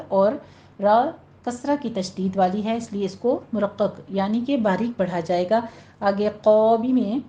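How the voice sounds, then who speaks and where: A woman teaching Quran recitation rules in a patient, instructive way, drawing out slow examples. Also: mid-range voice, mellow, a little hiss or hum. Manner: patient, instructive, drawn-out demonstrations. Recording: dull lo-fi audio.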